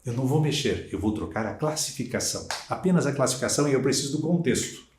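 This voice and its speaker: A male teacher from Brazil gives an exam-prep lecture, stressing points with emphatic questions and tags. His mellow voice swings widely in pitch. The sound carries the echo of a classroom. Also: fast, slight background noise. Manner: lively, emphatic teaching with frequent rhetorical tags. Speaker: Portuguese language teacher. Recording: echoey room.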